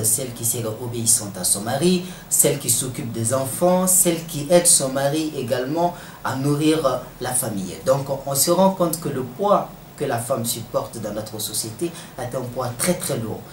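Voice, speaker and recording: A man asking interview questions in a formal, measured and wordy manner. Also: medium pitch, lively intonation. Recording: echoey room with faint background noise.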